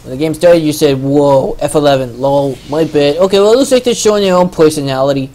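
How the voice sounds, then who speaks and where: A man's voice: on the high side, fairly quick, dark tone. A young man casting a strategy video game match in a loose, joking, rambling way. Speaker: game caster. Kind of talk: casual esports commentary.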